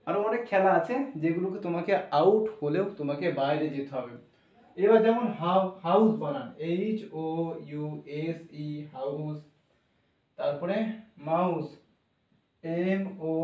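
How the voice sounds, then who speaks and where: Spelling each word letter by letter, this man teaches English spelling and pronunciation, pausing to check spellings and repeating key phrases as he goes. His pitch is on the high side and his tone darkish. A roomy echo comes through because the mic is set some distance away.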